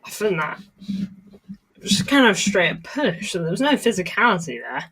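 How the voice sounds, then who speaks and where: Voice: medium pitch, sing-song, moderate pace, fairly bright tone, slightly rough, poor audio. A livestream host giving casual, off-the-cuff live football commentary while watching a match.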